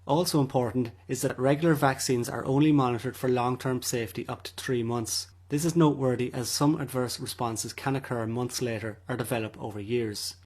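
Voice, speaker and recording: A man's voice: mid-range voice, fairly even intonation, a little fast, hardly any pauses, darkish tone, breathy edge. A man reading scripted voice-over commentary as a narrator.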